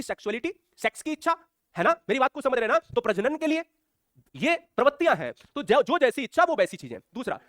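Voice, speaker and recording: A man teaching a live online class in mixed speech, lively and teasing, calling out viewers by name as he explains. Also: very high-pitched, no room sound, studio quality.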